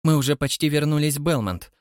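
A man reading an audiobook voices a thin, prim spinster woman who speaks calmly, mildly and with quiet menace. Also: fairly high pitch, quick pace, no room sound, studio quality, voice pushed up, lightly acted. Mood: sweetly sinister. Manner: calm, mild, quietly menacing.

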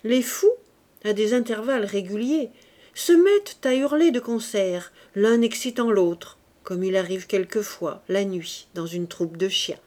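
A woman reading a classic tale aloud as an audiobook narrator, slow and measured, giving the characters' dialogue its own delivery. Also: medium pitch, expressive, darkish tone. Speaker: audiobook reader. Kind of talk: scripted narration.

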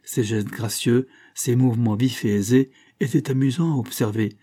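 A man narrating a classic children's novel as an audiobook, in a measured storytelling voice. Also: mid-range voice, steady tone, warm tone.

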